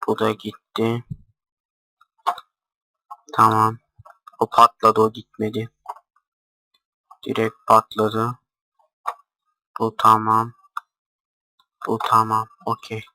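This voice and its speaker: A man talks through his game in a low, gravelly voice that stays almost level. He speaks slowly and keeps his voice deliberately quiet, with a bright edge, and drops offhand curses as he plays. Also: completely flat delivery, dry recording, rough recording. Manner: talks quietly on purpose, swears casually while playing. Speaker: gameplay commentator. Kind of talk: casual gameplay commentary.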